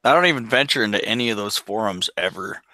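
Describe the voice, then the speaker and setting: A man's voice: fairly low pitch, expressive, quick pace, pushed and bright, no room sound, low-quality recording. A man co-hosting a talk show, chatting casually in a laid-back, joking way. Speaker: podcast co-host. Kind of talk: casual banter.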